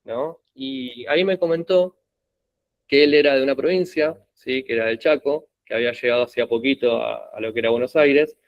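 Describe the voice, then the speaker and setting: Hombre argentino dando clase, sonido apagado. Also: male voice, medium pitch, brisk, dry recording, highs cut off. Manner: explanatory, checks in with frequent "¿sí?". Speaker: teacher. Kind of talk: university lecture.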